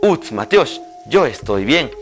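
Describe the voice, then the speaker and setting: A man, a language teacher giving a televised lesson and slowly spelling out pronunciation drills. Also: medium pitch, big pitch swings, soft background music. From Guatemala.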